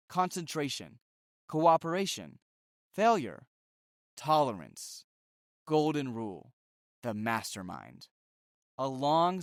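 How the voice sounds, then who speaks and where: Male audiobook narrator, measured and emphatic, lively pitch, dry close recording. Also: dry recording. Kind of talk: scripted narration.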